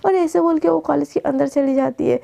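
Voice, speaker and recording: A woman's voice: high voice, a little fast, vocal fry, warm tone. A woman narrating a college romance story in a casual spoken way, voicing each character's lines herself.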